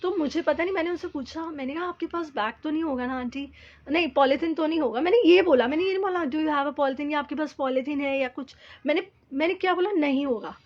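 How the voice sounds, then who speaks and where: A woman telling a heartfelt devotional testimony, speaking earnestly and haltingly, with many fillers and English words mixed in. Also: high-pitched, dull audio. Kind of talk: personal spiritual testimony.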